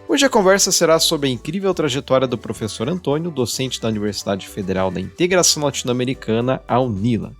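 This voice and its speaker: A man from Brazil hosting a podcast, reading a scripted introduction and asking questions in a measured, formal way. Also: medium pitch. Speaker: podcast host.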